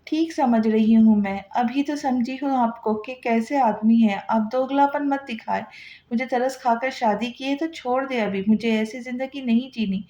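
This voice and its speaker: A woman's voice: a little high, steady tone, normal speed, mellow, natural voice. A woman voicing a hurt, bitter young wife in a romance audiobook, speaking sharply and bitterly. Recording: roomy, dull lo-fi recording.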